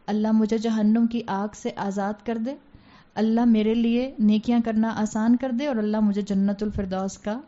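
A woman's voice: mid-range voice, dark tone. A woman teaching a religious lecture, speaking earnestly and exhorting her listeners with rhetorical questions. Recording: dull lo-fi recording.

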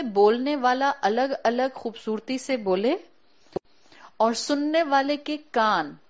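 A Quran teacher, a woman with a fairly high voice, gives a religious talk to women students, patiently explaining and slowing on key words for stress while dropping in English vocabulary. The high frequencies of the recording are cut off.

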